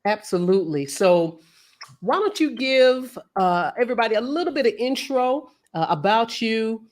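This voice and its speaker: A woman hosting an interview, energetic and enthusiastic, with frequent "uh" and "you know" fillers. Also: fairly high pitch, normal speed. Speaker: host. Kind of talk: upbeat interview.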